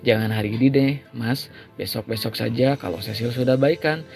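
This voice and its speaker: A woman's voice: a bass voice, moderate pace, creaky, darkish tone. A man voicing a young pregnant wife who is sensitive, sulky and apologetic, speaking in his own near-normal voice. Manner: pleading, apologetic. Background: background music.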